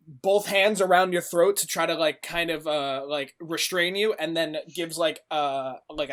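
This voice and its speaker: A man's voice: high voice, sharp tone. A man narrating a tabletop horror game as game master, rambling with many fillers. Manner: rambling, filler-heavy, laughs often.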